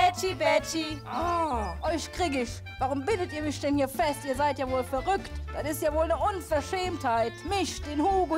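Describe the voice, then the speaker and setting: A woman puppeteer voicing a grumpy, bossy male dog catcher in a children's puppet show, with a scolding, indignant manner. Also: high voice.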